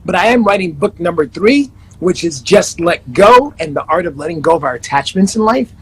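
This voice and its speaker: His high voice is expressive and a little fast, with a breathy edge, on a rough recording. A life coach in his thirties with ties to Panama and the Netherlands, he talks upbeat in a casual video-call interview, plugging himself and restarting a lot.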